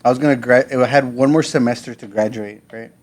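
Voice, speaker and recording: A man's voice: medium pitch, fairly quick. Thirties guy from south texas, podcast guest, chill and rambly, lots of um and like. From South Texas, USA. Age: 30s. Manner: relaxed, laid-back, many fillers and restarts. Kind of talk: casual conversational storytelling.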